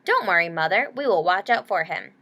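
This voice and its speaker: A woman's voice: lowish voice, animated, fairly quick, bright, forceful tone. A woman voicing cuddly, defiant young wolves in a storybook, with sing-song, emphatic delivery. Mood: plucky, defiant.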